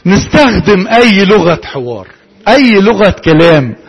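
A man with an Egyptian Arabic accent lectures a room, his high voice carrying a husky, breathy grain. He keeps putting questions to his listeners and then answering them himself. The delivery has the steady rhythm of a classroom talk. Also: measured pace, poor audio. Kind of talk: interactive lecture to a live audience.

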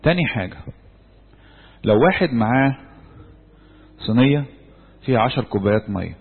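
Fast husky Egyptian man preaching in hall. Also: mid-range voice. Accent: Egyptian Arabic. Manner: questions the listeners and answers himself, with tray example. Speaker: church speaker. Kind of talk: sermon-style talk to a group. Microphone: handheld microphone. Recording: echoey hall on a tinny phone-like recording.

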